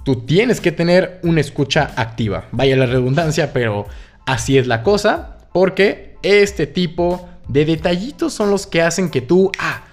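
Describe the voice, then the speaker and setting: A man's voice: on the high side, animated, measured pace, soft background music. A man with a Mexican Spanish accent hosting a podcast, coaching on sales in a casual, joking, chummy monologue.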